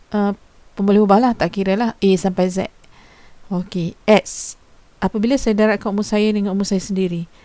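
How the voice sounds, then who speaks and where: Woman teacher for a recorded lesson: mellow, dry close sound, patient and explanatory, casual asides. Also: medium pitch, no room sound. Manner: patient explaining, poses questions to students; informal teacher's speech with frequent fillers.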